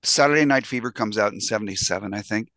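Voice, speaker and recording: A middle-aged man on a video call, telling animated, profane stories in a casual chat. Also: fairly low pitch, quick pace, no echo.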